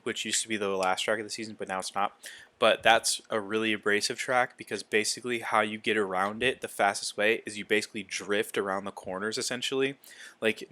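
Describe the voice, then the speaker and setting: A man's voice: lowish voice, pushed and bright. A man hosting a casual podcast, rambling loosely with lots of fillers. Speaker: podcast host. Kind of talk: casual chat about racing.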